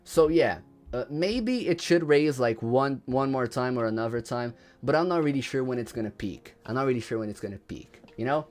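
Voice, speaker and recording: Slangy, lively male livestreamer. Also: medium pitch, normal speed, soft background music. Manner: slangy, says "bro" and "you know" constantly, repeats himself; reads viewer chat aloud and answers it. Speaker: livestreamer ranking game items. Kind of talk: casual livestream chat.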